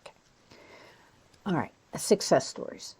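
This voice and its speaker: A woman teaching an online pronunciation lesson as an accent coach, in a slow, deliberate, encouraging way. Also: a little mellow.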